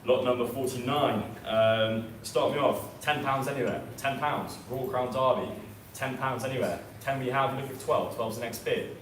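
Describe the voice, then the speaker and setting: Calling live bids as an auctioneer, this man repeats prices and increments in a repetitive chant, his mid-range voice moving at a moderate pace with fairly even intonation. He's indoors in an auction sale room, captured from a distance in an echoey space with background noise.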